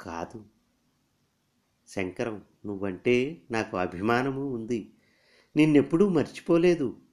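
A man reading a story aloud, voicing a firm, composed young woman who scorns weakness and later pleads gently. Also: mid-range voice, slow pace, natural voice. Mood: gentle. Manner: stern then gently pleading.

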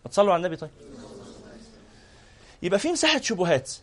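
A man's voice: high voice, sing-song, racing, a bit bright. A man with an Egyptian Arabic accent giving a religious lesson to a live audience, firing off rhetorical questions and prompting listeners to answer. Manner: repeats phrases in lists. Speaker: sheikh teaching hadith.

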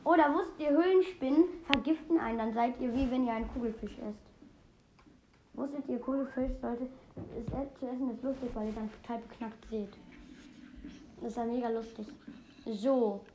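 A woman chatting excitedly while playing a video game, exclaiming often and rambling between facts. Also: fairly high pitch, moderate pace, highs cut off, a little hiss or hum. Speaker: game player. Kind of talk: casual gameplay commentary.

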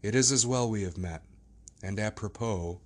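A man voicing a cold, furtive, sinister stranger in a storybook reading, speaking low and clipped. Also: normal speed, close to an everyday voice.

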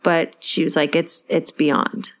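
A woman's voice: deep voice, little pitch movement. A woman co-hosting a podcast, telling stories in a chatty, easy way and laughing readily. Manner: chatty storyteller, quick to laugh. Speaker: podcast co-host. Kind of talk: casual chat.

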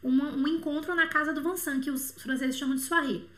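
Bright, animated Brazilian woman teaching French. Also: high-pitched, fairly quick, reverberant. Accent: Brazilian Portuguese. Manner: animated, affectionate, fond of diminutives. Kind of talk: online language lesson.

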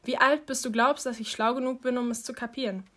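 A woman's voice: fairly high pitch, fairly even intonation, quick pace, pushed and bright. A woman reading an audiobook, voicing a brooding fifteen-year-old boy who questions and pushes back in a sullen way. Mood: frustrated.

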